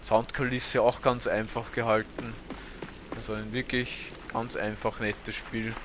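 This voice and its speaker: Gameplay commentary comes from an Austrian let's play host in his thirties, casual and halting with plenty of fillers. He keeps a level, mid-range voice at a measured pace against background noise.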